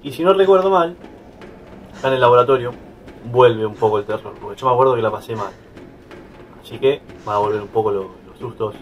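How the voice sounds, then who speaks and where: A man's voice: mid-range voice, brisk, long pauses, dull audio. A man with a Rioplatense Spanish accent giving casual let's-play commentary, chatty and easily startled, yelping and laughing at scares. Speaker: gaming YouTuber.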